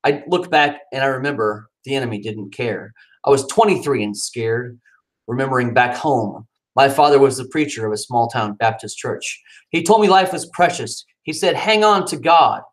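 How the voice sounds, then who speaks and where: A man at home talks about his cat in a relaxed way, then reads his poems aloud with swooping, theatrical intonation. He sounds animated and speaks at normal speed, though the recording quality is low.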